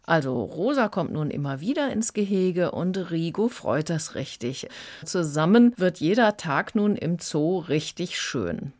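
Low-voiced woman book critic. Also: very animated, a little slow, darkish tone. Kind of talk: radio book review.

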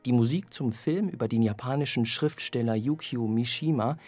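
A man reading a scripted radio review of an orchestral album in a measured, evaluative way. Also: mid-range voice, darkish tone, faint music behind. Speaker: music critic.

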